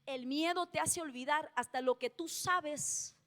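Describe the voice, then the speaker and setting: A woman's voice: sits high, unhurried, pushed and bright. A woman preacher gives an emphatic sermon, repeating key phrases and asking the congregation questions. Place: church hall. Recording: long church-hall reverb.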